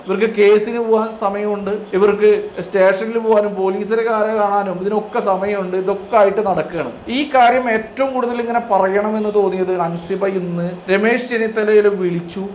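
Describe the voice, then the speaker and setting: A man giving earnest, critical opinion commentary with emphatic phrasing. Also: sits high. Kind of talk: opinion commentary on celebrity news. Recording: echoey room with faint noise.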